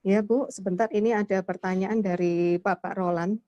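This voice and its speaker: A woman's voice: medium pitch, steady tone, normal speed, warm tone, dry recording, lo-fi sound. A woman moderator on a video call politely reading out a listener's question to the pastor. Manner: polite, reads a written question carefully.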